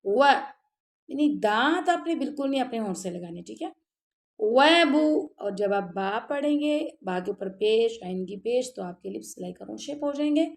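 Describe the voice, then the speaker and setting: A Quran recitation teacher gives a tajweed lesson, patiently breaking down pronunciation step by step and often checking in with "ٹھیک ہے؟". Between plain explanations she chants the words in a slow, drawn-out recitation. Her voice is fairly high and darkish, with lively intonation and a creaky edge.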